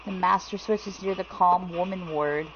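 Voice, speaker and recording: A woman giving casual, jittery commentary while playing a horror game, swearing freely and reading things out loud. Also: on the low side, steady tone, moderate pace, dull audio, a little hiss or hum. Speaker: let's play gamer.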